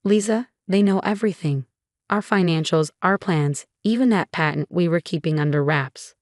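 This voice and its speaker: A woman's voice: on the low side, moderate pace, dry recording, clean studio sound, close to an everyday voice. A woman voicing a panicked male business partner with a trembling voice, in a storybook narration. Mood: frantic.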